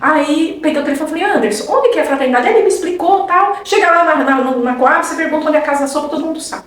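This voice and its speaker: In a podcast conversation, a high-voiced woman shares a testimony, talking fast and acting out quoted dialogue like a lively storyteller. The room is very echoey and the mic sits far away.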